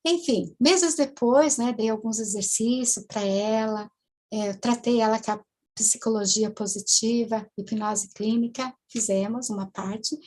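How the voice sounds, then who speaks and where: A woman, a hypnotherapist telling a client's story in a halting way, full of tag questions and restarts. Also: on the high side, darkish tone. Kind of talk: storytelling lecture to students.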